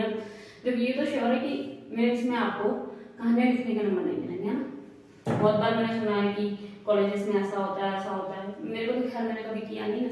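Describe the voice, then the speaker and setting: A woman's voice: fairly high pitch, a little mellow, far from the mic. A young woman teaching a lecture class and often checking that students follow. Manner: repetitive, checking in with "ठीक है?". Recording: echoey room, voice away from the mic.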